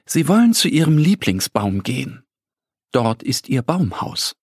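A man narrating a children's story in a slow, expressive storytelling manner, recorded close in a studio. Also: medium pitch, slightly rough, no echo.

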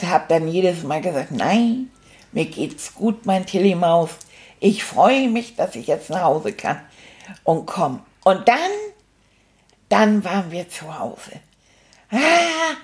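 A woman's voice: lowish voice, lively intonation, takes it slowly, darkish tone. A woman voicing a cheerful, cheeky male stuffed toy rat, retelling events in a chatty, rambling, fond way. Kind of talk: first-person storytelling.

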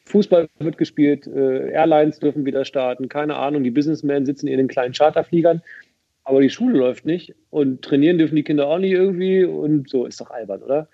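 A talkative man in his thirties speaks as a podcast guest, his voice somewhat husky and a touch higher than most men's. He chats loosely, restarting sentences and piling on fillers. The sound is dry and a little dull, like modest podcast audio. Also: brisk, no room sound. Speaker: guest, event presenter. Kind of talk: casual podcast conversation.

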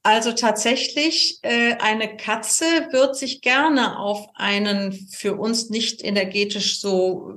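A woman's voice: medium pitch, steady tone, takes it slowly, hardly any pauses, fairly bright tone. A woman from Cologne with a Cologne accent, a cheerful guest explaining things in a podcast interview with many fillers. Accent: Cologne German. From Cologne, Germany. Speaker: geomancy guest. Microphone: camera set-up.

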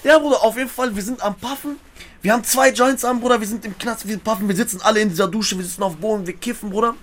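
With a high, slightly bright voice and a quick pace, a man with an urban German multiethnolect accent recounts prison stories as a guest. His storytelling is animated and slangy, full of acted-out dialogue and repeated phrases.

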